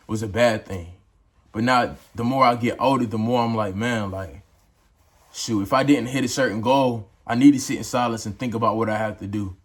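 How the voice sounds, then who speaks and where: A young adult man talking straight to camera in a casual, preachy way, calling his viewers bro and dog as he gives life advice. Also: mid-range voice. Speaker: vlogger. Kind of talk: motivational talk to camera.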